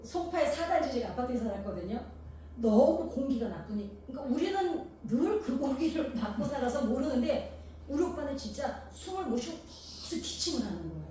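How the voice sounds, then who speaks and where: Her voice high-pitched, sing-song and a little fast with a dark tone, a middle-aged Gangwon-born woman whose Korean carries a Jeolla tinge gives a sermon. Homely stories and rhetorical questions to the congregation fill her talk, captured distantly in an echoey hall with slight hiss or hum.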